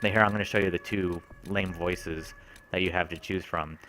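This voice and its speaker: A man's voice: sits low, steady tone, normal speed, fairly bright tone, slight background noise. A man giving casual, enthusiastic gameplay commentary as a game reviewer. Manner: chatty and enthusiastic.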